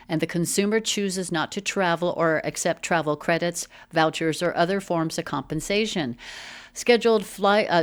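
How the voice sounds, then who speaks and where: A woman hosting a political commentary show, reading posts aloud and breaking into animated, exasperated asides. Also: on the low side.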